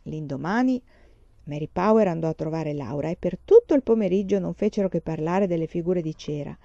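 A woman reading a children's novel aloud, in a measured, steady narration. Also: lowish voice, creaky, no echo. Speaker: reader. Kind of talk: audiobook narration. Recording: dull lo-fi recording.

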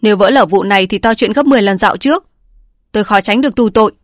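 A woman reader voicing a cornered village husband who hisses low, clipped threats at his wife. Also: rapid-fire, dry recording, studio quality, close to an everyday voice. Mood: hissing threat.

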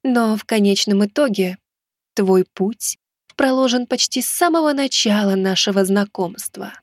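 A woman voicing Death as a calm female figure, speaking in a measured, deliberate way. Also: medium pitch, no echo, studio quality, natural voice.

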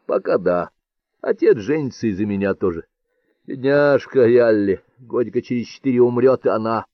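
A man's voice: medium pitch, animated, moderate pace, no echo, dull audio, voice pushed up, lightly acted. A man reading an audiobook, voicing a sardonic young prince with a raised, mocking voice. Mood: wry. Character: sardonic young prince, merry yet gloomy.

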